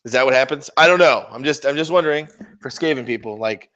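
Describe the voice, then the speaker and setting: A man's voice: medium pitch, fast talker, bright, forceful tone, muffled recording. Rambling, profane man streaming his hobby. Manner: rambling, profane, teasing banter. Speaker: livestreamer painting miniatures. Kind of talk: casual chat.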